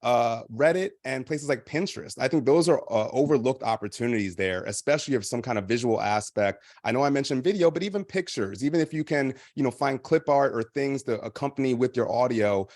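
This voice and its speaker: A man's voice: medium pitch, darkish tone, no echo. A man, the founder of a podcast company, speaking on a panel and explaining practical tips at length with frequent fillers. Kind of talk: panel discussion advice.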